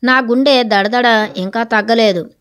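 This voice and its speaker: A woman narrating an audiobook in a steady, measured storytelling manner. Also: on the high side, clean tone.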